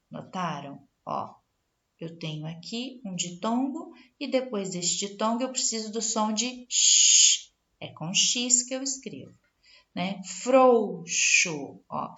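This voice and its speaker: A woman's voice: medium pitch, a bit bright. A Brazilian woman teacher giving a spelling lesson, reading out word lists and checking in with the class as she goes. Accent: Brazilian Portuguese.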